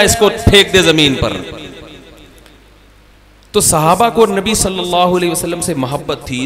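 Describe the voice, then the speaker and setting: A man delivers a sermon in a somewhat high voice. He shifts between plain talk and acted-out exchanges while speaking to a gathering. A crowd can be heard clearly behind him. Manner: conversational, acting out dialogues and stories. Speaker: Islamic preacher. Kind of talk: sermon to a conference audience.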